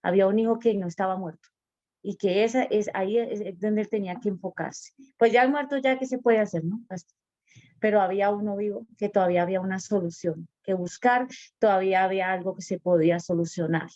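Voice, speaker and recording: A woman's voice: mid-range voice, a little fast, dark tone, dry recording, lo-fi sound. Earnest woman co-host reflecting. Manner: earnest, repetitive, quotes God directly. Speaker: co-host of a sermon program. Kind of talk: conversational sermon reflection.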